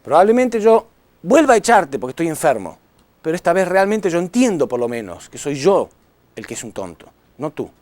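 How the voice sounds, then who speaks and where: A man preaching a sermon to a congregation, impassioned, swinging between loud appeals and hushed words, often asking the audience questions. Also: fairly high pitch, very animated, brisk, no room sound. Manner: addresses audience with rhetorical questions.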